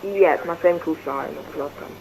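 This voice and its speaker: A man's voice: moderate pace, vocal fry, darkish tone. A man as a pilot talking casually to air traffic control over a headset radio. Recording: noisy, rumbling pilot radio.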